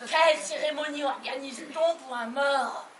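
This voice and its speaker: A woman on a theatre stage playing a bossy, exasperated mother of the bride who shouts and interrogates. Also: high voice, moderate pace, lightly acted. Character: bossy, frantic middle-aged mother of the bride. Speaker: stage actor. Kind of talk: live stage comedy acting. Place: farm theatre stage, live audience. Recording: echoey room, far off, faint hiss.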